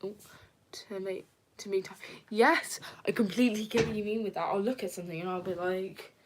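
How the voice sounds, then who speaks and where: A young woman chatting casually on a live stream, soft and hesitant, with many fillers and nervous giggles. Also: medium pitch, steady tone, a little fast, noisy background. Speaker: livestreamer reading viewer comments.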